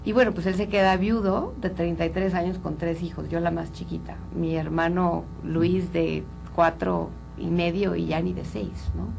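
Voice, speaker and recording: A woman's voice: lowish voice, flat delivery, moderate pace, creaky, hardly any pauses, darkish tone, a little hiss or hum, poor audio. A woman from Colombia, a psychologist speaking earnestly and openly as an interview guest. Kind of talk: candid interview talk.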